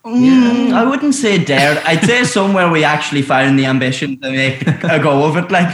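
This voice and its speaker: A man's voice: a little high, normal speed, fairly bright tone. A young man with an Irish accent chatting casually as a podcast guest, cheeky and bantering. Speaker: podcast guest, film studio co-founder. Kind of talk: casual interview chat. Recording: roomy, echoing sound.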